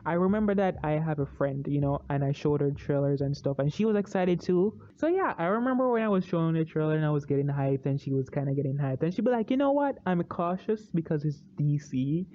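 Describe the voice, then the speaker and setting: Excitable movie ranter, slightly dull recording. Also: mid-range voice, fast, few pauses. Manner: animated, swings into loud excited outbursts; repeats and restarts words when worked up. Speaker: movie review vlogger. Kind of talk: casual opinionated rant.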